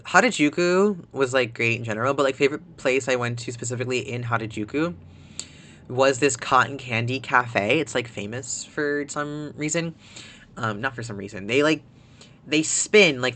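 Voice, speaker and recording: A man's voice: medium pitch, pushed and bright. A man streaming a video game live and chatting in a rambling way that is full of "like". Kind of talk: casual chat while gaming.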